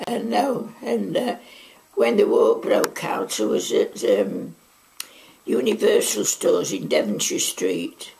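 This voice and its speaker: Gravelly old Mancunian woman reminiscing. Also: medium pitch, sing-song, slow, warm tone. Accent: Mancunian English. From Manchester, England. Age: 90s. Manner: chatty, rambling reminiscence with frequent asides. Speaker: interviewee. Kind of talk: oral history recollection. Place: living room at home.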